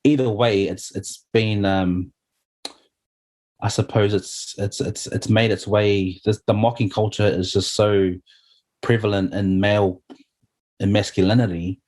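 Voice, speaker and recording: A man's voice: fairly low pitch, steady tone, unhurried, darkish tone. A middle-aged man, sharing his story earnestly and heartfelt as an interview guest, often saying "you know". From New Zealand.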